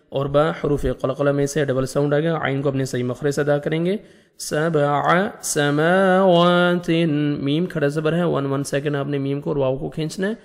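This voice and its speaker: A man teaching Quran reading, explaining each letter step by step and slowly reciting verses in a drawn-out, melodic way. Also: on the high side, darkish tone, big-room sound. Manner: patient, step-by-step letter instruction. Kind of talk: tajweed lesson, slow recitation between explanations.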